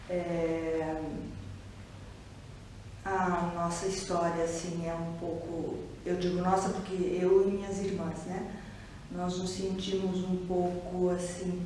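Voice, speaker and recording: Soft-spoken woman, distant and echoey. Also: fairly low pitch. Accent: Brazilian Portuguese, Curitiba. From Brazil. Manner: reflective, hesitant, many pauses and restarts. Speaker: interviewee. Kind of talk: personal testimony interview. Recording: echoey room, distant mic, faint ambient noise.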